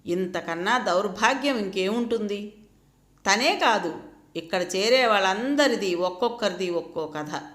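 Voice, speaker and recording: A woman reading a story aloud as scripted narration, in a steady, measured way. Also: mid-range voice, roomy sound.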